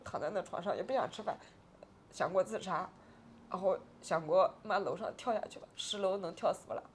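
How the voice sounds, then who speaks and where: A woman's voice: medium pitch, a little fast, slight background noise. A woman in her forties, an interview guest, telling a painful personal story with agitated, tearful swings between subdued and raised voice.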